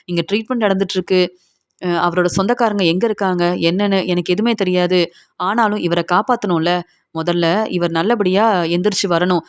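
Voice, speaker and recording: Woman retelling a serial, voicing every character. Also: medium pitch. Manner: retells scenes and voices each character's lines herself. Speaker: serial recap narrator.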